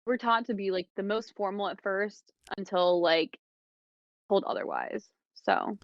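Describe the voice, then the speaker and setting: A young woman from the Midwest, a podcast guest chatting casually, full of fillers and animated retellings. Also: mid-range voice, measured pace, creaky, dry recording. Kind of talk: casual chat. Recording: dull lo-fi sound, dry.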